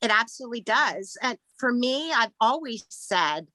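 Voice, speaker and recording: A middle-aged woman, a podcast host's mother, recalling a family memory in an interview, speaking haltingly with many fillers and fighting back tears. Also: fairly high pitch, lively intonation, sharp tone, no echo, rough recording. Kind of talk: emotional interview.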